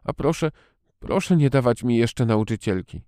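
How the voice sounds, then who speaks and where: A man's voice: mid-range voice, animated, moderate pace, mellow, no room sound, clean studio sound, pitched above the performer's own voice, lightly acted. A man voicing a shy young girl who stammers and pleads hesitantly, read as an audiobook character. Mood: timid pleading.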